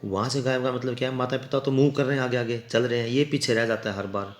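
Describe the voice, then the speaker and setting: Man teaching an english story, reads slowly and spells words out, roomy echo. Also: medium pitch, steady tone. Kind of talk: explaining an English story in Hindi.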